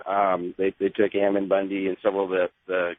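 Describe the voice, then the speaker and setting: A man calling into a radio show by phone, measured and matter-of-fact. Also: low-pitched, monotone. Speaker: caller. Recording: tinny phone line.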